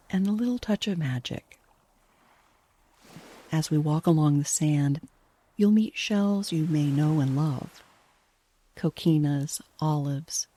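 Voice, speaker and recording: This is a guided sleep meditation told by a woman whose voice is soft, breathy and hushed. She speaks gently and soothingly at an unhurried pace, and her voice sits low.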